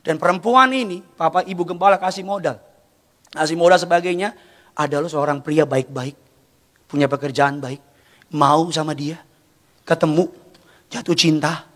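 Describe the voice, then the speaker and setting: A man preaches in a high voice, telling stories with animated energy that often rises to shouts. His sermon rings with the long reverb of a church hall. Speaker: pastor.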